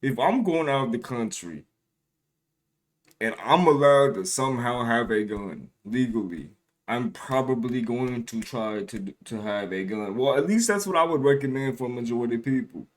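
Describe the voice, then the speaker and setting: A man's voice: mid-range voice, animated, normal speed. A young man chatting casually on a livestream, reacting to a video with loose, profane, rambling talk full of restarts.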